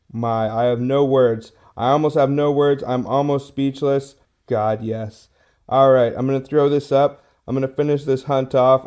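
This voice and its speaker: A man's voice: mid-range voice, mellow. A man giving casual hobby vlog commentary to his viewers, full of awed exclamations. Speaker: host of a coin roll hunting video.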